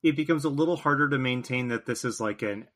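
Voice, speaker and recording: A man's voice: mid-range voice, fast talker, a bit bright. A male podcast co-host in casual discussion, tentative and thoughtful as he works through ideas.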